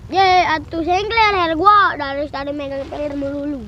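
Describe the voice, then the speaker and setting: A woman's voice: sits high, level tone, moderate pace, pushed and bright, muffled recording, slight background noise. A woman playing a whining, boastful youngster in a comedy skit, with a Jakarta Betawi accent. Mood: grumbling. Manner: complaining, boastful.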